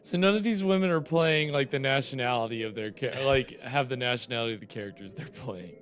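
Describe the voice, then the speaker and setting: A man's voice: mid-range voice, a little fast, fairly bright tone. A man co-hosting a livestream, joking and swearing casually while riffing on an old horror movie. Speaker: livestream co-host. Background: old movie soundtrack music.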